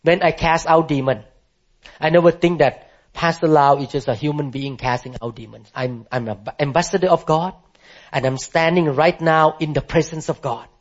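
A male pastor preaches to his congregation, emphatic and climbing into high, impassioned declarations while calling for responses from the room. His intonation stays fairly even at a moderate pace, and the sermon recording is muffled and lo-fi.

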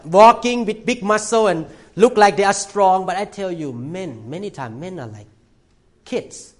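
A man's voice: high-pitched, unhurried. A middle-aged male pastor who is a non-native English speaker with simplified grammar, preaching a sermon with emphatic, repeated short phrases. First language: not English. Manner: emphatic short exhortations, repeats phrases, asks congregation for amens.

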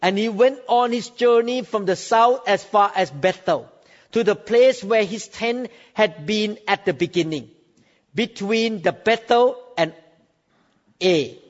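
Preaching in a hall that rings with long reverb, this Thai man in his sixties stretches his phrases for emphasis and lets his pitch leap without warning. The recording itself is muffled and dull.

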